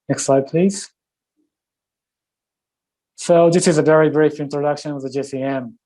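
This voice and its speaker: A man presents slides in a measured, careful way, often stopping to correct himself. His voice is dark and mellow, at an ordinary pitch for a man. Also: poor audio. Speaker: presenter from a Japanese ministry. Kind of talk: formal webinar presentation.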